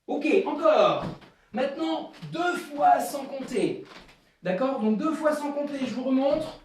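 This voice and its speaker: A man teaching an online karate class, calling counts and kiai shouts between slow explanations. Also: very high voice, lively intonation, a little hiss or hum. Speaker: karate instructor. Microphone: camera at a distance. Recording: echoey room, voice far from the mic.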